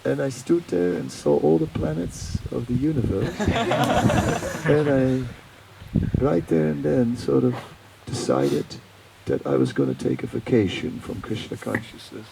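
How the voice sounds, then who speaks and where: Gravelly man telling a story, noisy recording. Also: medium pitch, a little slow. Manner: animated storyteller, laughs often, hesitant fillers. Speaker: speaker telling his life story. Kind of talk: anecdotal storytelling to an audience. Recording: noisy live talk recording.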